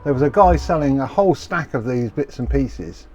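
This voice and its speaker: A man's voice: medium pitch, animated, moderate pace, darkish tone, faint music behind. A man hosting a repair video, chatting casually as he works at the bench and laughing at his own mistakes. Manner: chatty, self-mocking, laughs at himself. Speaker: electronics repair video host. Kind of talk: casual workbench narration.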